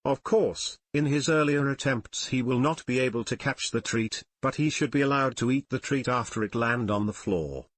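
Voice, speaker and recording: A man reading scripted step-by-step instructions in a steady, instructional narration. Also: medium pitch, normal speed, few pauses, slight background noise. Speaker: narrator of dog training videos.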